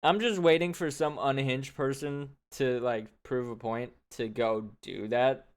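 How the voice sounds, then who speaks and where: Dude cohosting, smooth clear voice, blunt and kinda incredulous, slangy. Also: male voice, medium pitch, steady tone, unhurried. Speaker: co-host reacting. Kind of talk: casual reaction commentary.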